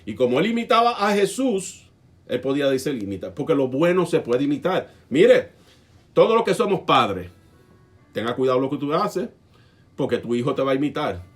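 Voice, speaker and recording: A man preaching a sermon emphatically, swinging between loud and soft and asking the congregation questions. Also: mid-range voice, sing-song, normal speed. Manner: asks the congregation rhetorical questions.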